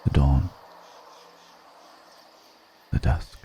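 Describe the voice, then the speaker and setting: In an intimate ASMR roleplay, a man plays an ancient, world-weary, seductive vampire, speaking deliberately and broodingly with long pauses. His mellow voice carries a weary, wistful mood, with a little hiss or hum in the recording.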